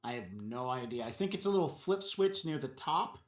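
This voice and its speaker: A man's voice: mid-range voice, animated, a little fast. A man working as game master, improvising narration for a tabletop game and chatting casually with players. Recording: roomy, echoey sound.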